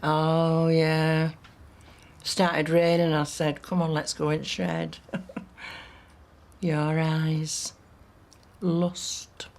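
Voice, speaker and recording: An actress playing a blunt, teasing working-class wife in a TV soap. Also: female voice, deep voice, level tone, drawn-out words, long pauses, darkish tone. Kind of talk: soap opera acting.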